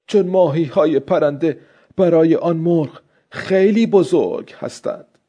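A man voicing a husky old fisherman. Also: dark tone, heavily acted. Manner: musing to himself, low and measured. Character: old male fisherman, weathered and patient. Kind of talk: audiobook character voice.

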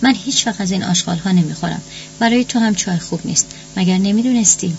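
A woman's voice: mid-range voice, faint music behind, natural voice. A woman voicing a brash, scornful ghost of a dead ex-wife in an audiobook. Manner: scornful, blunt, demanding. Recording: dull lo-fi audio.

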